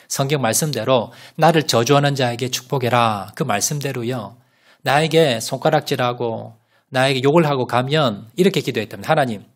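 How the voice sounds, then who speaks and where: A man preaching a sermon as pastor, telling a story with rhetorical questions and sudden loud rises and soft drops. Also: a little high. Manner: asks the congregation rhetorical questions.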